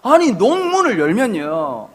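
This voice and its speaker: A man's voice: high-pitched, unhurried. A middle-aged man preaching a sermon to his church, telling humorous family stories and acting out what his wife and children say. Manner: humorous, animated storytelling with acted family quotes. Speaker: pastor. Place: church sanctuary.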